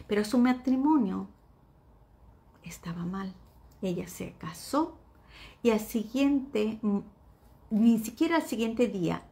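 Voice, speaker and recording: Slow, gravelly-voiced woman preaching softly. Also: medium pitch. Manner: soft and earnest, often dropping to a whisper. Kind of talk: devotional sermon.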